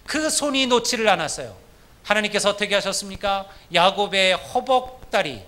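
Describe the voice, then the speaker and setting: Male pastor delivering a Sunday sermon; high, bright, earnest, speaking directly to the pews. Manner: earnest preaching, addressing the congregation often.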